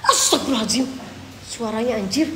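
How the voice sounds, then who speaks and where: A woman's voice: a little high, brisk, pushed and bright. A young woman live-streaming a haunted house exploration, nervously muttering prayers and chatting in slang with her viewers. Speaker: ghost-hunting live streamer. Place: abandoned house, indoors. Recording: echoey, reverberant empty building, faint noise.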